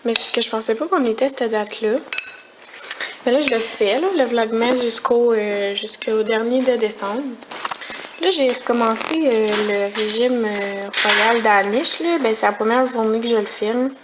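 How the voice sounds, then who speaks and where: Young Quebec woman vlogger, a bit high-pitched, chatty and rambling, over dish and pan noise. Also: normal speed. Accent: Quebec French. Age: young adult. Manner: chatty, rambling, disgusted complaints. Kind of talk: casual vlog chat.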